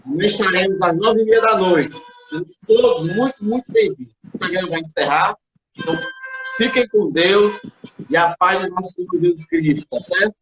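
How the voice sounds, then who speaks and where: A man's voice: high voice, fairly bright tone, highs cut off. A man with a Brazilian accent hosting and closing a live religious broadcast, blessing and thanking viewers. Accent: Brazilian Portuguese. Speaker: host.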